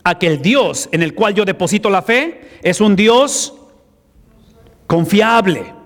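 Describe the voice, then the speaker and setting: High-voiced man preaching in a reverberant hall. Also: animated, takes it slowly, fairly bright tone. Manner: emphatic, asks the congregation rhetorical questions. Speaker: pastor. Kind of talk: sermon.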